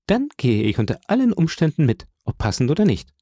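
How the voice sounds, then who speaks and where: A man voicing a sweet, eager young woman in a read-aloud story, speaking higher and lighter. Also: wildly swooping pitch, brisk, mellow, dry recording, studio quality, heavily acted.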